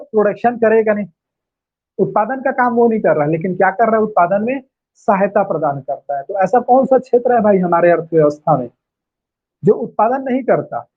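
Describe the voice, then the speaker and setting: A man's voice: sits high, slightly rough. A male teacher giving an online class lecture, repeating key phrases and firing questions at his students. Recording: tinny lo-fi phone-like audio.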